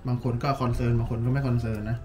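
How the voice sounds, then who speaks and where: A man's voice: mid-range voice, rapid-fire, faint music behind. A man talking casually as he unboxes and reviews a tablet case, thinking aloud with lots of fillers. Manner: relaxed, chatty, thinking aloud with many fillers.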